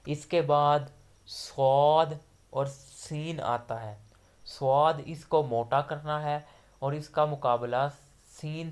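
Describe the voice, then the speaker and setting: Male recitation teacher with a Pakistani Urdu accent, smooth clear voice, mid pitch, patient step-by-step explanation. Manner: patient, explains letter sounds step by step, drawing out example letters. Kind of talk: slow explanatory lesson.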